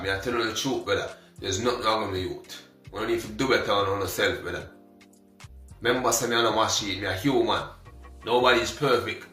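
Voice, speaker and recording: A man's voice: fairly low pitch, bright, forceful tone, echoey room, recorded from a distance. A man with a Jamaican accent delivering a defiant social media rant, emphatic and calling the listener brother again and again.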